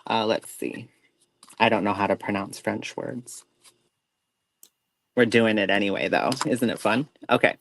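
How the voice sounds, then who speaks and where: A man's voice: lowish voice, fairly even intonation, a little slow, vocal fry, long pauses, a bit bright, no echo, low-quality recording. Man giving a rambling tarot reading. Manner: rambling, self-interrupting, folksy reassurance. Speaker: tarot reader, co-host. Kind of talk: live psychic reading.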